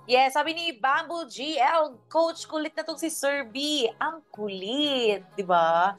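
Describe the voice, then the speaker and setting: A young Filipina singer co-hosting, bubbly and animated as she chats in a mix of Tagalog and English. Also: high voice, soft background music. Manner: bubbly, animated, quick to agree. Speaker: singer and online show co-host. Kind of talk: lively chat mixing Tagalog and English.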